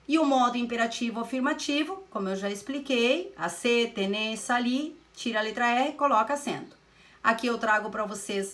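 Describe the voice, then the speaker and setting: A woman leads a grammar lesson in a somewhat high voice. She works through each rule step by step. She often asks a question and then answers it herself. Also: a bit bright. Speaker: Spanish teacher. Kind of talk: recorded classroom lesson.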